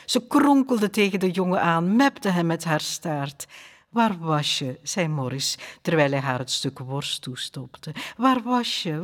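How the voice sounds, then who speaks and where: A man narrating a children's story audiobook in a calm, expressive storytelling manner. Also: on the high side.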